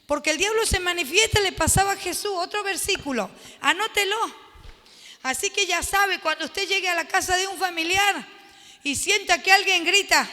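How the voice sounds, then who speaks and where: A woman pastor leading an animated Bible study sermon, laughing often and acting out the quotes. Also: extremely high pitch, normal speed, long reverb tail.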